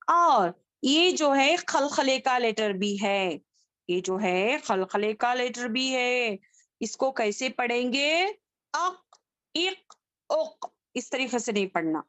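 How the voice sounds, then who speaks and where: Patient woman teacher, high voice, slow and deliberate, leads students through letter drills in an online class. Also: a bit bright, dry recording. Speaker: Quran recitation teacher. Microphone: video call.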